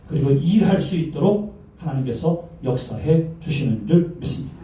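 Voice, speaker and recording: A man's voice: a little high, dark tone, slight background noise. A man pastor preaching a Sunday sermon, dramatically acting out the pleas and commands he quotes. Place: church sanctuary. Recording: echoey church hall, voice from far off.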